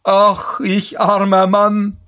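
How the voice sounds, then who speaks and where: A man's voice: medium pitch, big pitch swings, slow, voice pushed up, heavily acted. A man playing a stubborn, self-pitying male carter in a spoken fairy tale, grumbling dismissively and wailing over his losses.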